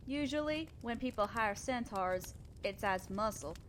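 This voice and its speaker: In an audio roleplay, an actress plays a kind centaur wanderer and speaks directly to the listener, her fairly high voice set against some background noise. Earnest and gentle, she carries the hesitance of a selfless soul who doubts herself. Her delivery is animated yet measured in pace, with a resigned mood.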